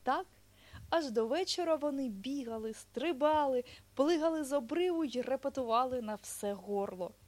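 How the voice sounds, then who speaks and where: Lively high-voiced woman storyteller. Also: normal speed. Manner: lively, expressive reading. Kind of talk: storybook narration.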